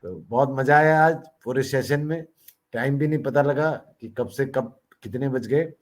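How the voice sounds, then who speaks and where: A man hosts an online meeting in a playful, chatty way. He leans on folksy sayings and a light motivational tone. His pitch sits in an ordinary middle range. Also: measured pace, poor audio. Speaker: meeting host. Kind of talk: casual motivational chat.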